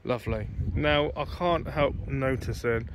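Recorded on a handheld phone out on a grassy car show field, a British car show vlogger chats away in a casual, matey, off-the-cuff style. His voice sits at medium pitch with a measured pace, and there's a little hiss or hum.

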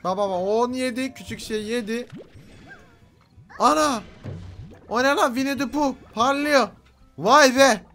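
A young man giving frantic let's-play commentary, yelling and swearing at creatures. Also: extremely high pitch, moderate pace, pauses often. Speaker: gaming YouTuber. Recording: game music underneath.

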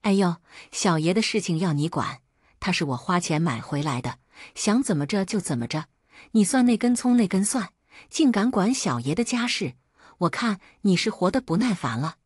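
A woman storyteller voicing a drunken, bullying young husband who sneers and threatens, in a husky, lively voice for a storybook tale. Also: fairly low pitch, normal speed, dry recording, studio quality. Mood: sneering. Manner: sneering, swaggering and contemptuous.

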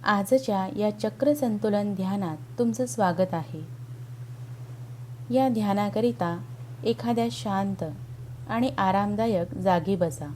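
A woman leads a guided meditation in a mellow, relaxed voice of middle pitch. She speaks very slowly and soothingly, leaving long, calm pauses between short phrases. Music plays behind her. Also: slight background noise. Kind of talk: slow guided meditation narration. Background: background music.

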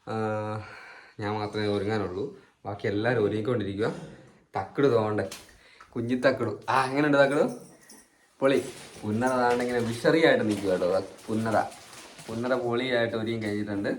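A man's voice: on the low side, fairly even intonation, a little fast, pauses often, a little hiss or hum. A man who is a family vlogger, chatting casually to camera and speaking directly to his viewers from a family home. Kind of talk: casual vlog chat to camera.

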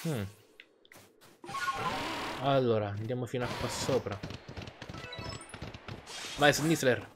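A man's voice: mid-range voice, takes it slowly, pauses often. A man giving casual let's play commentary, thinking aloud and reacting as he plays. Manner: chatty, thinking aloud, exclamatory. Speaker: gaming YouTuber. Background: faint game music.

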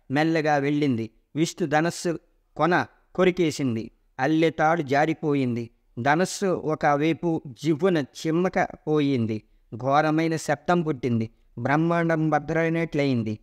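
A man reading a scripture story aloud in a steady, unadorned way, stumbling now and then on a word. His voice sits a little higher than usual for a man. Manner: plain, steady narration with small slips.

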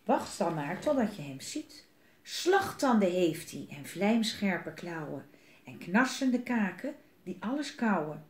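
A woman's voice: mid-range voice, big pitch swings, slow pace. A woman voicing a small, clever, boastful mouse in a children's storybook reading, with a cheeky, self-assured manner. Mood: cocky. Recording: roomy echo.

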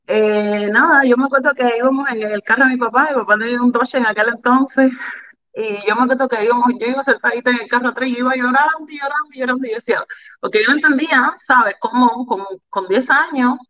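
A woman with a Cuban Spanish accent, a volleyball player telling her life story as an interview guest, candid and animated, repeating phrases for emphasis. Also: a little high, highs cut off. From Cuba.

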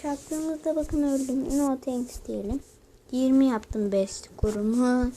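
A woman giving mobile gameplay commentary, excitable and talking to her viewers while she plays. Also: fairly high pitch, slow pace. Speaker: gaming channel host.

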